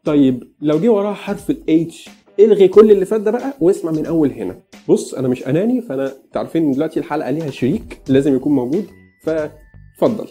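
A man's voice: fairly high pitch, animated, racing, dark tone, faint music behind. A man with an Egyptian accent giving a casual English pronunciation lesson, chatty and joking as he talks straight to the viewer. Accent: Egyptian Arabic.

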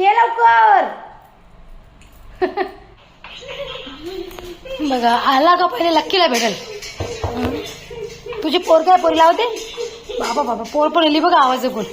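High-voiced chatty woman vlog host. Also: slight background noise. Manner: chatty, addresses viewers warmly as a group. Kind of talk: casual home vlog chat. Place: at home.

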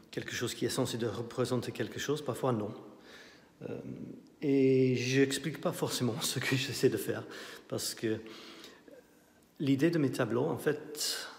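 Middle-aged male artist, English accent, hesitant tour-guide delivery; phone-held, reverberant gallery. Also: mid-range voice. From not French. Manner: hesitant, many fillers and restarts, thinking aloud. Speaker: artist giving a tour of his exhibition. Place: indoor art gallery. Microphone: handheld phone at arm's length, walking. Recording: roomy gallery with long echo.

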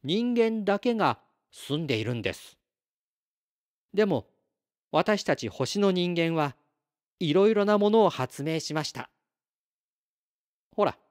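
A man voicing a polite, clever boy from a star in a storybook read-aloud, speaking formally and calmly. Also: sits high, measured pace, pauses often, voice pushed up. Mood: earnest. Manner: formal, courteous, calm.

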